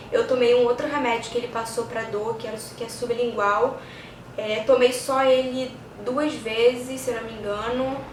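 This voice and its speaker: A Brazilian woman with a fairly high voice talks casually to her viewers in an explanatory, conversational way. She sounds set back from the microphone in an echoey room, with clear noise behind her. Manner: conversational, explanatory, with frequent check-in tags. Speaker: vlogger. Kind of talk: casual chat to camera. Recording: echoey, distant mic, clear background noise.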